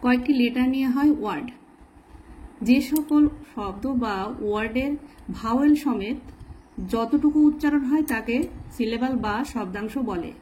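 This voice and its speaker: A woman teaching a children's lesson, slowly spelling out words letter by letter and explaining grammar in a patient way. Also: a little high, warm tone, a little hiss or hum, low-quality recording. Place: at home, writing in a notebook.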